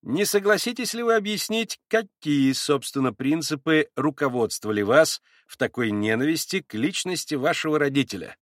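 A man reading aloud and voicing a formal investigator who questions in a measured, deliberately calm way. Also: on the high side, no echo, clean studio sound, natural voice.

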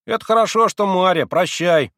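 A man's voice: sits high, moderate pace, pushed and bright, dry recording, clean studio sound, pitched above the performer's own voice. A man doing a cocky, lecturing schoolboy. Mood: brash lecturing. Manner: brash, teasing, lecturing.

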